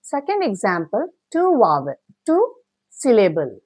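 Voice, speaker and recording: A woman narrating a scripted phonics lesson, slowly spelling out sounds and syllables and mixing in English words. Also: on the high side, huge pitch swings, darkish tone, slightly rough, no room sound. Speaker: phonics teacher.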